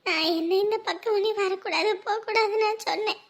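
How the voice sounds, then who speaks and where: A woman acts out a fretful middle-aged village mother in a family drama, speaking. Her voice sits very high and grates with a gravelly rasp, and she pleads and scolds her married daughter in a sighing lament. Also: brisk. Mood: tearful.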